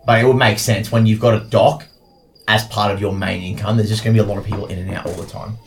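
A man's voice: fairly low pitch, steady tone, quick pace, gravelly, a little hiss or hum, low-quality recording. A man narrating as game master of a tabletop game, loose and full of "like"s. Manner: loose, filler-heavy narration with many "like"s.

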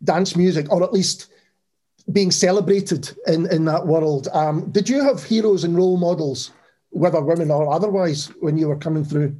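A man's voice: on the high side, normal speed, mellow. A man hosting a podcast, interviewing a guest in a friendly, enthusiastic way. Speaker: podcast host.

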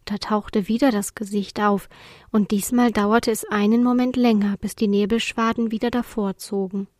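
A woman narrating a children's storybook chapter in a clear, even reading voice. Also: medium pitch, normal speed, no echo, clean studio sound. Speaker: audiobook reader.

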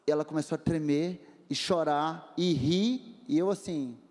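A man giving a testimony in a sermon, a lively storyteller acting out the voices of the people in his story. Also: fairly high pitch, a little slow, long reverb tail.

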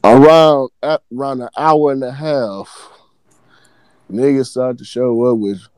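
A man from Texas, telling a work story in loose, profane, animated casual chat. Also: medium pitch, a little slow, clear, resonant tone, dry recording.

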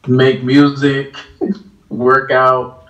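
A man's voice: mid-range voice, completely flat delivery, very slow, a bit bright, lo-fi sound. A young man, a musician guest, answering interview questions in a laid-back, rambling way full of fillers. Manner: laid-back, rambling, lots of "like" and "you know". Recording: roomy, distant mic.

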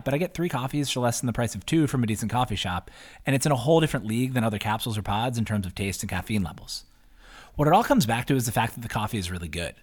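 A man narrating his own written post aloud in an upbeat, conversational reading voice, adding casual asides. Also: mid-range voice. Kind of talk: read-aloud essay narration.

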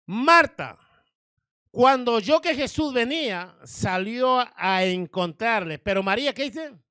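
A man's voice: very high voice, animated, slow pace, bright, forceful tone, clean tone, dry recording, clean studio sound. A male pastor preaching a sermon, reading scripture verses and asking the congregation rhetorical questions.

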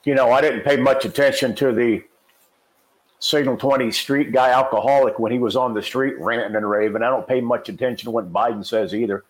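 A man's voice: mid-range voice, fairly even intonation, fairly quick, low-quality recording. Opinionated police captain guest, male, blunt and dismissive. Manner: blunt, scornful. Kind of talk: opinionated panel talk.

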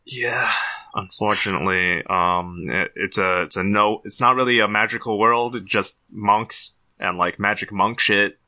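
A man's voice: fairly low pitch, measured pace, bright, forceful tone. A young man co-hosting a podcast, chatting casually and chuckling often. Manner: laid-back, chuckles often. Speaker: podcast co-host. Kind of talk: casual chat.

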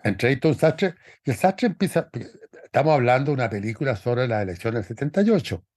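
A man's voice: mid-range voice, big pitch swings, fast talker, darkish tone, slightly rough, no room sound. Male podcast co-host, mid-range voice, dry close sound, rambling and reflective delivery. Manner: thoughtful, rambling, many restarts. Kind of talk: casual film discussion.

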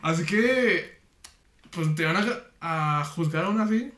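A Mexican man talks in a casual, candid chat with a high, bright voice. He pokes fun at himself as he goes. The room gives his voice a noticeable echo. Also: lively intonation, takes it slowly. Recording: roomy echo.

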